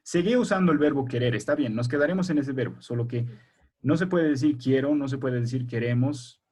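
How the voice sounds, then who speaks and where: A man with a husky, slightly breathy voice teaches a primary school class over a video call. He explains patiently, one step at a time, and keeps checking with his pupils through questions. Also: mid-range voice, fairly quick, darkish tone.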